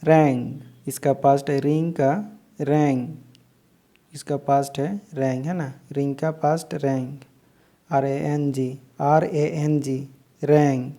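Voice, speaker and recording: A woman's voice: low-pitched, steady tone, slow pace, dark tone. A woman teaching English verb forms, spelling out each word letter by letter and repeating it. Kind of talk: slow spelling-out lesson.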